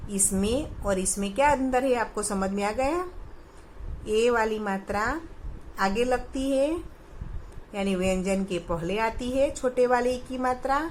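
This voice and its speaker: A woman's voice: fairly high pitch, measured pace, slight background noise, low-quality recording. A woman teaching a recorded primary school lesson, patiently asking questions and answering them herself for the children.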